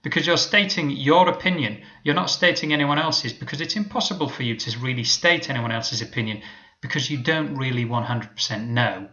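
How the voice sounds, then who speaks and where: Man, English teacher, patient careful explanations, sharp bright tone, muffled lo-fi sound. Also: mid-range voice. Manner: clear, patient explanations, modelling example sentences slowly. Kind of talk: teaching an English lesson to camera.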